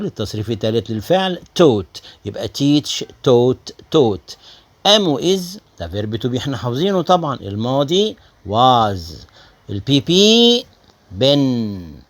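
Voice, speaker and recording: A male teacher with an Egyptian Arabic accent giving an English lesson, who says each word twice and then translates it. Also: mid-range voice. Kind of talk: vocabulary and grammar lesson.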